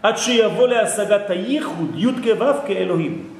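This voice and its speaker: A man teaching a lecture to a class, lively and often checking that listeners follow. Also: high-pitched, a little hiss or hum. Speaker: Torah teacher. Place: hall with an audience. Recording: echoey hall.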